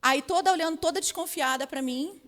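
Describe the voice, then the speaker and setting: A woman preaching a sermon, telling a personal testimony and acting out conversations before building to loud emphatic proclamation. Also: sits high, fairly quick.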